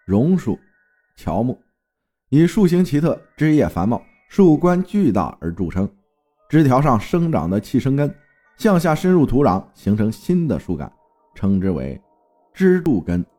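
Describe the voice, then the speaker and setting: A man's voice: mid-range voice, big pitch swings, unhurried, warm tone, soft background music. A man from Fujian narrating a folk tale in a dramatic storytelling manner. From Fujian, China.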